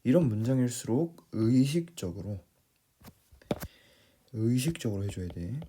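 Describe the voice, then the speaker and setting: A man's voice: mid-range voice, big pitch swings, unhurried, warm tone, slight background noise. A man teaching English reading in a casual lecture, talking plainly to his students, often rephrasing and checking in with them.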